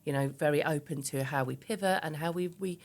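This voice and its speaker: A woman's voice: low-pitched, brisk. A woman, talking candidly and emphatically as a guest in a conversational interview, often acting out her own thoughts. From East London, England. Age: 50s. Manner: candid, chatty, emphatic, illustrates points with quoted self-talk. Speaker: interview guest, business founder.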